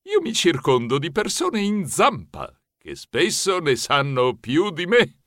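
A man voicing a genial, expert male mouse pizzaiolo who speaks slowly and solemnly in an audiobook. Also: fairly high pitch, huge pitch swings, dry recording, clean studio sound, exaggerated voice. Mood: friendly. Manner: slow, solemn, warmly assured. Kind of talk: audiobook character voice.

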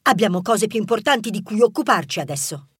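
Man doing a curt no-nonsense character, slightly husky, dry close sound, storybook. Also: medium pitch, animated, quick pace, a bit bright, no echo, pitched above the performer's own voice. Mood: impatient. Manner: curt, decisive. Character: brisk no-nonsense character, impatient. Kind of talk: storybook read-aloud.

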